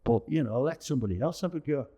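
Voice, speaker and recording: A middle-aged or older man, a veteran amateur pantomime performer appearing as an interview guest, chats casually and colloquially, telling anecdotes and using lots of tag phrases. His mid-range voice is expressive and dark in tone, and he talks fast.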